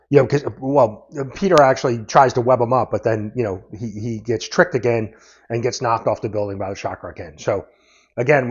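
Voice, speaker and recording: A man's voice: mid-range voice, husky. A man giving a casual comic book review, recapping the plot in a loose, meandering way. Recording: dull lo-fi audio.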